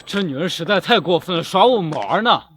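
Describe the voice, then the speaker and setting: Blunt young man, indignant, lively, high. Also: a little fast. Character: blunt, protective young man, hot-headed. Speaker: lawyer's partner. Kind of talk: short drama acting.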